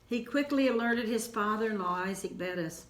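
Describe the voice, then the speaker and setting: An older woman with an Ozark accent telling a family story in an unhurried, homespun way, with asides. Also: a little high, fairly bright tone, reverberant.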